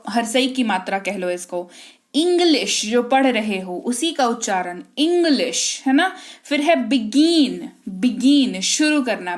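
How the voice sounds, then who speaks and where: An Indian woman teaching English online, explaining step by step in a chatty way and often checking in with the viewer. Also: fairly high pitch.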